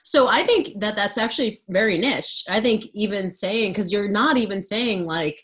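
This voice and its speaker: A woman's voice: medium pitch, moderate pace, fairly bright tone. A woman coaching a group in a casual, reassuring way, full of fillers. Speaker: business coach leading a group call.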